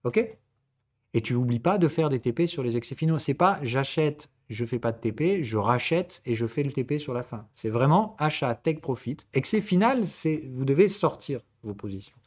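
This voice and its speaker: Casual French trading coach checking in. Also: male voice, mid-range voice, animated, moderate pace, darkish tone. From southern France. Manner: casual, keeps checking in with the audience; conversational tutoring, mixing formal and familiar address. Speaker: trading instructor and stream host. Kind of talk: live-streamed trading lesson, answering chat.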